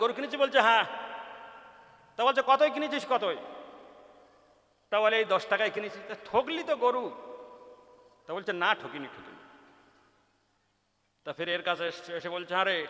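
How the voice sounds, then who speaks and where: Bright-voiced preacher in a reverberant hall. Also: male voice, high voice. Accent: West Bengal Bengali. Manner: acts out characters in a rustic folk tale, sing-song and emphatic. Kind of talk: Islamic sermon with storytelling.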